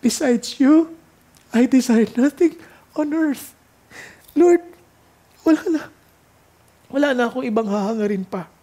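A woman with a Filipino accent preaching a sermon, switching freely between English and Tagalog, reading scripture slowly and building to heartfelt, emotional high points. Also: mellow. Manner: earnest, reads scripture slowly and rises to emotional peaks.

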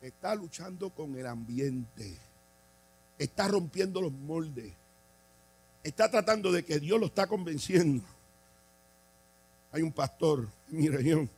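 A man preaching a sermon as a bishop, passionate, moving from hushed storytelling to shouted declarations. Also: a little high, lively intonation, slow, vocal fry, pauses often, slightly rough, low-quality recording. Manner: impassioned, swings from quiet to shouting. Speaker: bishop and pastor.

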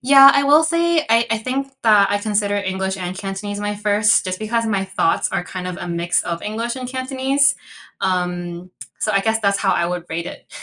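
A young woman from Chicago with an American accent chats upbeat on a podcast, laughing often during the casual interview. Her mid-range voice has a sharp tone and moves at a normal speed.

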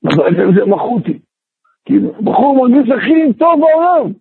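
A man, a rabbi, teaching a Torah class in an animated way, firing rhetorical questions and sometimes shouting. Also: extremely high pitch, vocal fry, slight background noise. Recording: tinny phone-like, dry.

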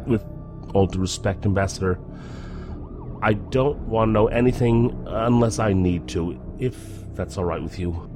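A man acting a low-voiced, guarded federal agent. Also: measured pace, over music, close to an everyday voice. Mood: wary, guarded. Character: guarded, wary male federal agent, curtly polite. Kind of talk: science fiction audio drama acting.

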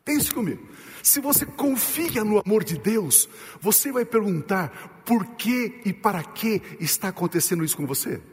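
High-voiced preaching man in a reverberant hall. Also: lively intonation. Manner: emphatic preaching, rhetorical questions, slows and drops to low for stress. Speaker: pastor. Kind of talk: sermon.

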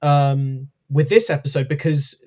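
A man's voice: on the high side, steady tone, a little slow, darkish tone. Chatty man with ums. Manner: hesitant, many ums, self-correcting. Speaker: podcast co-host. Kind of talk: casual review chat.

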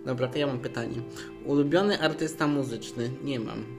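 A man's voice: mid-range voice, a little fast, roomy sound. Man, casual podcast co-host, rambling storyteller, giggly, background music. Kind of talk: casual chat.

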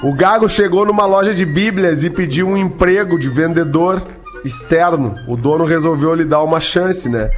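A man's voice: a little high, moderate pace, soft background music. A man, co-hosting a live show with playful banter and jokes. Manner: playful, repeats catchphrases. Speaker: radio co-host.

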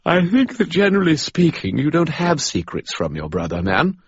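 A man's voice: fairly high pitch, huge pitch swings, moderate pace, husky, dry recording, highs cut off, pitched above the performer's own voice, exaggerated voice. A man voicing a sarcastic, patronizing male spirit who lives in a skull.

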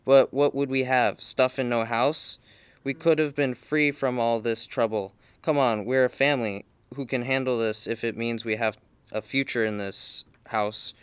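A man's voice: mid-range voice, steady tone, normal speed, fairly bright tone, smooth, dry recording, lightly acted. A man reading aloud, voicing a frustrated adult son arguing with his family. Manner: heated, frustrated.

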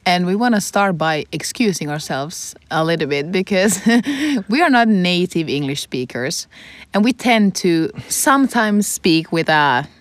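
A Finnish woman in her twenties whose first language is Swedish, co-hosting a podcast. She talks in a relaxed, chatty way, laughing often and pausing on fillers. Her voice sits a little low, recorded dry and close. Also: no echo. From Finland. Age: 20s. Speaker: podcast co-host. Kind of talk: casual chat.

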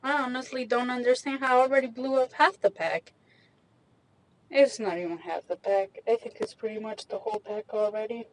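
A woman's voice: fairly high pitch, fairly even intonation, normal speed, low-quality recording. A young woman talking casually and self-mockingly into a microphone in her small parked car, rambling in slangy talk. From Mexican heritage. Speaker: vlogger. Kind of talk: casual chat. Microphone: handheld USB microphone.

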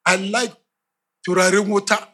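A man's voice: high voice, steady tone, unhurried, bright, forceful tone. A middle-aged Nigerian man preaching a humorous sermon, laughing often and acting out voices in his stories. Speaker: pastor.

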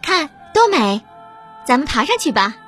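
A woman's voice: high voice, big pitch swings, normal speed, fairly bright tone, soft background music, voice pushed up. A woman voicing a young woman in a storybook drama who coaxes sweetly and then sneers coldly at her victim. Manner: sugary at first, then sneering and cold. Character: sweet-talking young woman turned cold poisoner.

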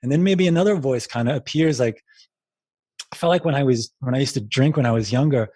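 A man with a husky, slightly breathy voice chats as a guest. He rambles and restarts his sentences, leaning on fillers. The sound is dry and close. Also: mid-range voice, fairly quick, mellow, dry recording. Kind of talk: casual chat.

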